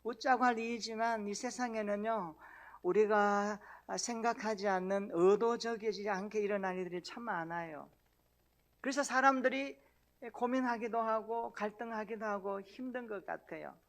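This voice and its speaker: A man's voice: high voice, moderate pace. A male pastor preaching a sermon in a church, folksy and joking with the congregation. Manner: folksy, tells jokes and invites the congregation. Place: church sanctuary.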